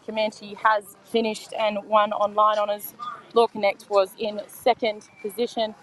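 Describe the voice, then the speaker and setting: A woman's voice: mid-range voice, monotone, measured pace, low-quality recording. A woman hosting live dockside interviews and commentary outdoors on a marina, enthusiastic and chatty. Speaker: sailing reporter and host.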